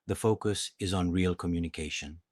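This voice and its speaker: A deep-voiced man from Italy, with an Italian accent, leads a beginner language lesson. He keeps a calm, patient, measured pace, speaking slowly and clearly.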